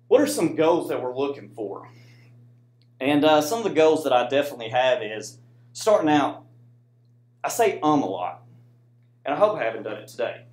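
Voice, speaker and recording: Here a fairly high-pitched, darkish-toned American man, both soldier and student presenter, gives a casual slide talk to an audience indoors. He stays conversational and checks in often with "right?" tags, and the room is echoey.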